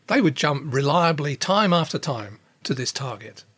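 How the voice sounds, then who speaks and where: A man giving measured expert explanations as an interviewed scientist. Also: a little high, very animated, fairly bright tone, breathy edge, no echo.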